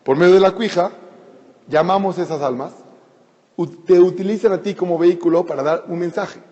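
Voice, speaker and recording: A man gives a Torah class, retelling a scripture story in a loose, explanatory way and often restarting his sentences. His voice sits slightly high but sounds mellow. The sound is lo-fi and carries a long reverb. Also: a little fast. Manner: explanatory, conversational, with frequent restarts and repetitions. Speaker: Torah teacher.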